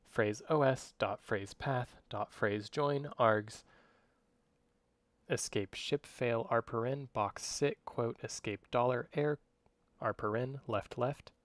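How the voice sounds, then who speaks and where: A man dictating code by voice, speaking clipped strings of isolated command words as a software demonstration. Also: medium pitch, slow, dry recording.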